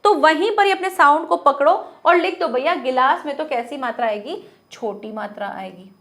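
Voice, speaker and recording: A young woman teacher explaining a Hindi grammar lesson, asking questions and answering them herself, repeating words slowly to model how they sound. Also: high voice, a bit bright.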